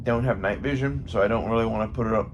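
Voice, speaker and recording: An American man whose voice sits on the low side talks fast in a casual, rambling gun-hobbyist vlog, thinking aloud and swearing freely. The highs are cut off, and faint ambient noise lingers in the background.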